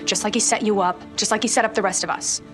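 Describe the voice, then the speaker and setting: An actress playing a bossy, catty popular teen girl with a sharp, sarcastic, theatrical way of talking. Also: medium pitch, fairly even intonation, quick pace, close to an everyday voice. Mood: earnest. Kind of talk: TV comedy-drama acting. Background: music.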